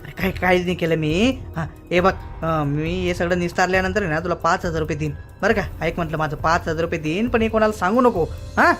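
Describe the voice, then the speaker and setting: A man's voice: sits high, brisk, few pauses, a bit bright. A man with a Khandeshi Marathi accent, voicing a pleading, bargaining character in a comic cartoon. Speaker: cartoon voice artist. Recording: light music behind the voice.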